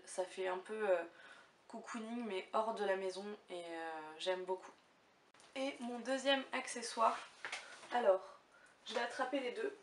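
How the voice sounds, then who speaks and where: A woman's voice: medium pitch, creaky. Young woman chatting, echoey distant recording. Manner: chatty, hesitant with many fillers. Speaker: beauty vlogger. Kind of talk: casual chat to camera. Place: room at home. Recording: echoey room, mic far off, faint hiss.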